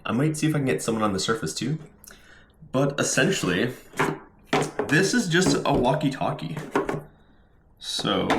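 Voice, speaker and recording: A man with a mid-range, fairly bright voice gives a casual, informal product demonstration as a scuba diver reviewing gear, explaining things step by step. He is indoors at home, and the recording has a roomy indoor echo and a little hiss or hum.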